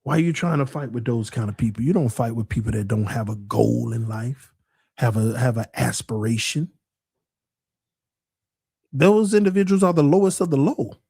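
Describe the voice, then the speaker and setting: A sports podcast host in his forties delivers a casual, preachy monologue at the mic. His mid-range voice is warm and husky with vocal fry, moving at a moderate pace, and he is earnest and repetitive, building to emphatic preaching. The recording is clean studio sound with no echo.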